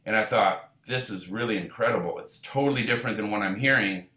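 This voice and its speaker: Speaking quickly in a lowish voice, with a roomy sound, this Israeli band leader gives a long and casual interview. His manner is relaxed and rambling, peppered with fillers and restarts.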